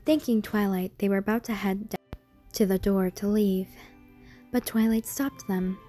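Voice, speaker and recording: A woman's voice: mid-range voice, steady tone, unhurried, mellow, soft background music. A woman reading scripted horror fan fiction as a story narrator.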